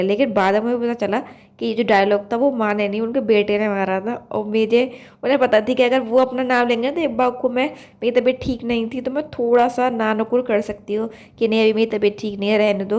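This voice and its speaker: Young woman, Uttar Pradesh Hindi accent, hoarse, stuffy nose, rather high voice, chatty rambling vlog narration. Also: a little mellow. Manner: chatty, rambling, full of fillers. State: hoarse, blocked nose from a cold. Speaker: vlog host. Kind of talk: casual cooking vlog voice-over.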